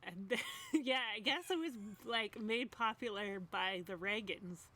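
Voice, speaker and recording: A woman's voice: medium pitch, measured pace, sharp tone. A woman chatting casually as a cooking guest, giggling and hedging with "like" and "I guess". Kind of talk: casual chat.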